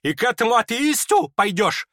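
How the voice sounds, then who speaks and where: A man's voice: very high voice, big pitch swings, a little fast, sharp tone, no room sound, clean studio sound, pitched above the performer's own voice, heavily acted. A man reading an audiobook and voicing a hot-tempered older woman who scolds shrilly and indignantly. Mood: furious.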